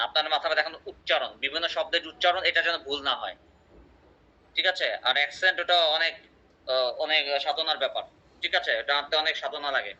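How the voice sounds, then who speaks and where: Guy lecturing his class, asks students stuff, slightly high voice, dull lo-fi audio. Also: sharp tone. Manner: explains with examples, asks students questions. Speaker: English teacher. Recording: muffled lo-fi audio.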